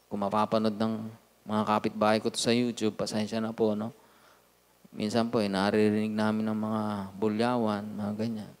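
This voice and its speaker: A man with a Filipino accent preaching a lively sermon as pastor, swinging from loud to hushed with joking asides. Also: lowish voice. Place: church hall. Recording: long hall reverb.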